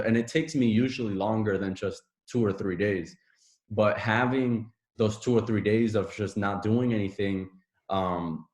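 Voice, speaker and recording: Guy from puerto rico, spanish first language, low voice, rambly laid back chat w lots of ums, bit echoey. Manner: relaxed, rambling, many fillers and restarts. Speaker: podcast guest, musician. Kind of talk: casual conversation.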